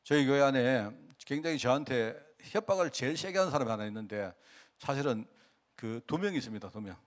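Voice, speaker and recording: A male pastor with a Gyeongsang accent preaching a sermon in a colloquial, animated way, acting out conversations with people he tells about. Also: mid-range voice, a little fast.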